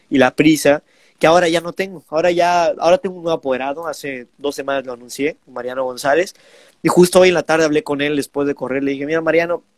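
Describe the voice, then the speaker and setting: Animated young Mexican man, dry sound. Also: fairly high pitch, no room sound. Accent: Mexican Spanish. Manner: animated storytelling, imitates parents. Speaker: bullfighter guest. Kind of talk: casual interview talk.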